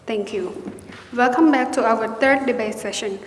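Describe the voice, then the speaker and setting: A young woman moderating a debate in a formal, careful, slightly halting way. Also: fairly high pitch, a little hiss or hum. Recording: roomy hall reverb.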